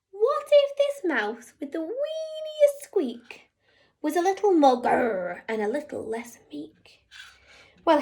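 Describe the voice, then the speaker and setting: Slow, lively woman reading a picture book. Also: high voice. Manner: animated, rhythmic rhyming delivery. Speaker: teacher reading aloud.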